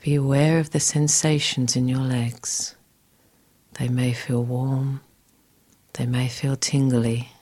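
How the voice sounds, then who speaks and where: Very low, soft relaxation guide woman. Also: level tone, takes it slowly. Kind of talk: scripted guided relaxation exercise.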